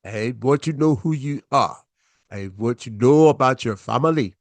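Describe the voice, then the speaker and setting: A man voicing a stern, strict older father with an African accent, talking in a formal, demanding, measured way. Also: medium pitch, dry recording, lightly acted.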